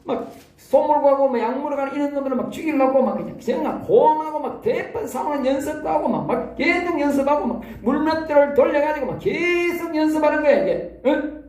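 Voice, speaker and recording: A Korean pastor with a Gyeongsang accent, preaching in a lively, folksy way and often tossing rhetorical questions at the congregation. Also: male voice, very high-pitched, brisk, echoey room, soft background music. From South Korea. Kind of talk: sermon. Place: church hall.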